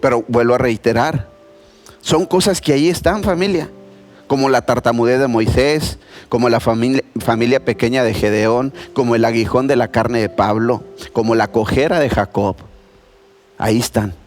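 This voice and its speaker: A man, preaching a sermon in a church in a conversational, animated storytelling way. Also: medium pitch, normal speed, soft background music. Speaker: pastor.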